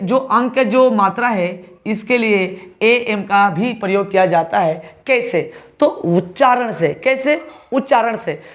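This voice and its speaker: A man's voice: high voice, fairly bright tone. A male teacher giving an online exam-prep lesson, spelling words letter by letter and answering his own questions. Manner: asks questions then answers them himself.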